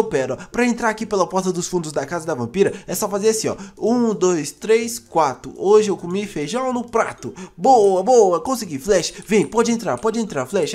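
A man with a Brazilian Portuguese accent narrating a Minecraft story game, excitable and exclamatory, talking to characters and viewers. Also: high-pitched. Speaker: Minecraft YouTuber. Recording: faint background music.

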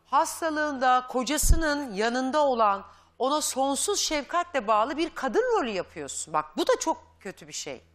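A woman hosting a live talk show, her voice high and very animated as she lectures her guests firmly. She presses her point and does not let them dodge it. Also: moderate pace. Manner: firm, lecturing, confronting guests.

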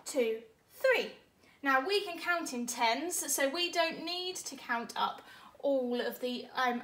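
A woman's voice: sits high, a bit bright, reverberant. A woman giving a maths lesson for young children, teaching a child to count aloud step by step in an encouraging way, as a primary teacher. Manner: encouraging, addressing pupils directly.

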